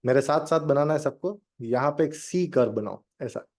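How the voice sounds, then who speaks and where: A man's voice: on the high side, moderate pace, a little mellow. A young man teaching a live online drawing lesson, chatting with his students and joking as he guides them step by step. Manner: chatty, addresses students directly and jokes.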